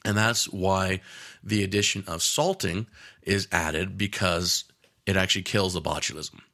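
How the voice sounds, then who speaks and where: Deep-voiced chef teaching casually. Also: male voice, a little slow, gravelly, pushed and bright. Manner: casual, rambling with frequent fillers; joking asides. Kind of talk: cooking lesson.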